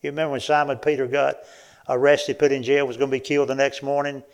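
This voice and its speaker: A man preaching a sermon in a folksy, animated way, often asking the congregation questions. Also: mid-range voice, fast, clear, resonant tone.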